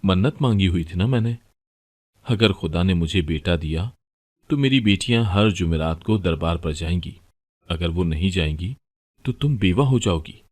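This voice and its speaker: A man's voice: low voice, animated, normal speed. A man voicing a superstitious older mother-in-law who speaks in an earnest, warning tone.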